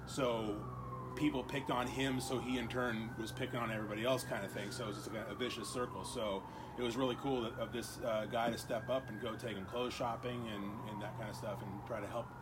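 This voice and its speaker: A man's voice: mid-range voice, fairly even intonation, a little fast. A man co-hosting a podcast, casually retelling a story in everyday words. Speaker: podcast co-host. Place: outdoors in a backyard at night. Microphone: studio microphone on a stand. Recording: very noisy outdoor backyard recording.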